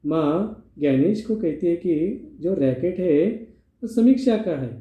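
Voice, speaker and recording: A man's voice: fairly high pitch, animated, takes it slowly, warm tone. A male teacher explaining a play line by line in a classroom lesson, asking and answering his own questions. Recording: echoey room, phone-like sound.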